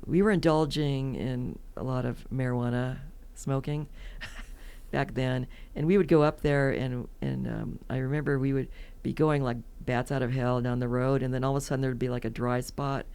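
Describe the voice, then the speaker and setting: A woman's voice: extremely low pitch, fairly even intonation, normal speed, darkish tone, clear, resonant tone. A woman in her seventies from California, telling rambling, chatty stories as a podcast guest and laughing often. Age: 70s. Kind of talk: casual interview storytelling.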